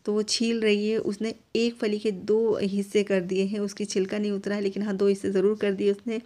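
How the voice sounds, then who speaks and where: Woman, homely voice-over narration for a family vlog, steady and monotone. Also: mid-range voice, brisk. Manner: flat, homely, explaining step by step. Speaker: vlogger. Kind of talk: home cooking voice-over narration. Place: home at night, recorded separately as voice-over.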